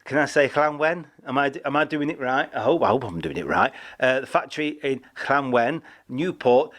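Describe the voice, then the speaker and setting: A man's voice: mid-range voice, expressive, brisk. A man hosting a rail news show, reading items in a chatty way with joking self-deprecating asides. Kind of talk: casual rail news presenting.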